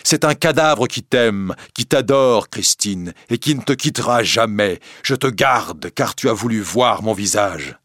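Guy doing a creepy sad masked lover, low and hushed, mournful, dry close storybook sound. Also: lively intonation, unhurried, hardly any pauses, no room sound. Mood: anguished. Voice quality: hushed and mournful, bursting into anguished cries. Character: masked man, obsessive and tormented, in love. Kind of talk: audiobook reading.

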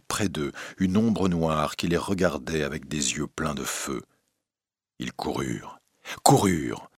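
A man narrating a story aloud in a measured, dramatic storytelling manner. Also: very deep voice, slightly rough, dry recording, studio quality. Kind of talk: audiobook reading.

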